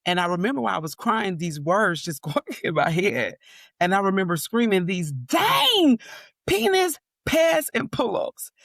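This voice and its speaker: A woman's voice: fairly low pitch, expressive, brisk, a bit bright, dry recording, studio quality. A woman in her forties telling a personal story candidly as a podcast guest, laughing through heavy moments.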